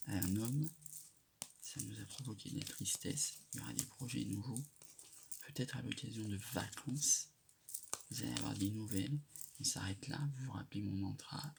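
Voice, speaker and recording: A man giving a quiet, whispered late-night tarot reading in a hushed, gravelly voice. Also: fairly low pitch. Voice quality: gravelly, creaky. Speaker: tarot card reader. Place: indoors at night. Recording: noisy amateur live recording with clicks.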